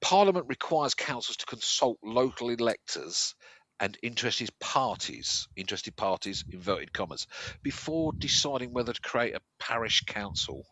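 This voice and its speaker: Bright, animated Englishman with toothless articulation. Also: mid-range voice, no echo, rough recording. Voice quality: slightly slurred, toothless articulation. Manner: emphatic, repeats phrases for stress. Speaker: local resident on a discussion panel. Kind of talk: opinionated discussion of local affairs.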